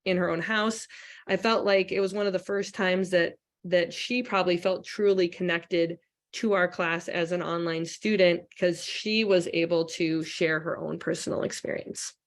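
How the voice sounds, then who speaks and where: A woman's voice: fairly low pitch, fairly even intonation, moderate pace. Earnest woman teacher giving a talk. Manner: earnest, reflective, with frequent restarts. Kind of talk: conference talk. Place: conference hall.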